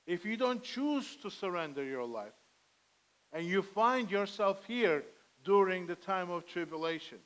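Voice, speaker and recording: A man's voice: sits high, expressive, unhurried, fairly bright tone, rough recording. A middle-aged man preaching a sermon from a church pulpit, earnest and pleading, on a headset mic. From Armenian heritage. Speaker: pastor. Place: church sanctuary, indoors, medium size.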